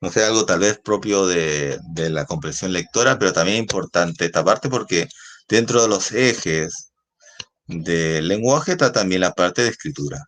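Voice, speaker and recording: Male teacher with a deep, low voice. Explains patiently and keeps checking the class follows. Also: animated, moderate pace, a bit bright, a little hiss or hum. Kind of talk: classroom lesson.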